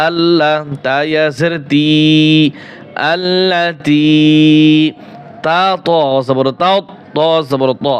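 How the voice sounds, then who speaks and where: A man with a Bangladeshi Bengali accent teaching Quran recitation, spelling the verses out letter by letter and chanting them slowly. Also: on the high side, clear, resonant tone. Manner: slow drawn-out chanting of verses between quick spelling drills.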